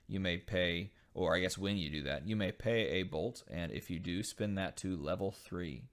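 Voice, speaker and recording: Low-voiced man musing over game cards. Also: moderate pace. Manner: reads card text aloud and muses on it, with frequent uh fillers. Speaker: channel host opening dice game packs. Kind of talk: casual unboxing commentary.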